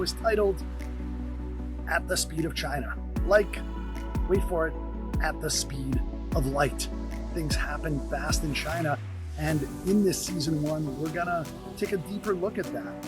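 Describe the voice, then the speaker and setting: A man's voice: a little high, a little slow. A man hosting a podcast, reading a scripted show introduction. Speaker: podcast host. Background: electronic music.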